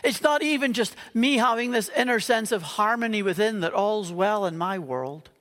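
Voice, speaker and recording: In a church auditorium, a Northern Irish man serving as pastor preaches on Christmas Eve with earnestness and the odd playful, funny aside. He speaks in a high, slightly bright voice at a moderate pace, the sound carrying through the large hall.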